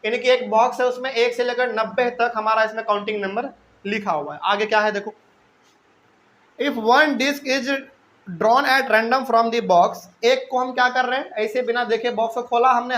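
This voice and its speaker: High-voiced man teaching math. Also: a little fast, fairly bright tone, low-quality recording. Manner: explains step by step, asking and answering his own questions. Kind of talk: classroom math lesson.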